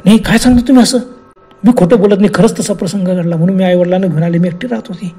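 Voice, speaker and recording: A man's voice: sits high, very fast, mellow, breathy edge, soft background music. A man voicing a frightened young working woman who pleads defensively in a spoken horror story. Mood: pleading.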